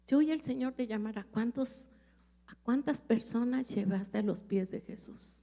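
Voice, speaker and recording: A woman's voice: on the high side, normal speed, creaky, mellow. A woman pastor with a Mexican accent, preaching a sermon earnestly and asking her congregation questions. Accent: Mexican Spanish. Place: church. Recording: echoey church hall.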